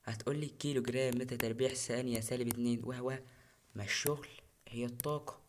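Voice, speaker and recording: Young man, Egyptian Arabic accent, quick physics tutoring, casual, repeats terms, faint hiss behind. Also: mid-range voice, steady tone. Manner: casual and chatty, repeats key terms, mixes English terms in. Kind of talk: recorded exam-prep lesson.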